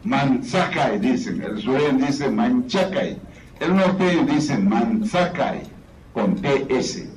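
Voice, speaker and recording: Slow-paced Peruvian teacher, echoey room. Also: male voice, mid-range voice, animated. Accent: Peruvian Spanish. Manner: slow, drawn out and repetitive, reading word lists aloud. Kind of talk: classroom vocabulary lesson. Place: classroom. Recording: echoey room, far from the mic, noisy.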